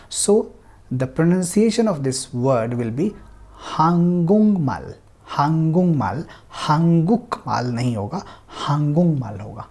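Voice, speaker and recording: A patient language teacher talks through a recorded lesson in a husky, slightly breathy voice, repeating each example word slowly. The explanation moves step by step, with English phrases dropped in. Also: medium pitch, dark tone.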